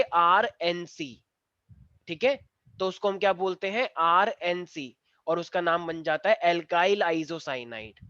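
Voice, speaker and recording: High-pitched and fairly bright, a male chemistry teacher lectures his class in a teasing, playful way, mixing in English terminology. The sound is dry with no echo, dull and a bit lo-fi.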